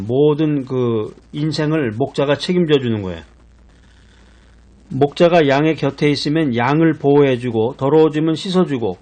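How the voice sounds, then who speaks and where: A man's voice: mid-range voice, a little mellow. A middle-aged man preaching a sermon as a pastor, earnest and repeating key phrases for emphasis.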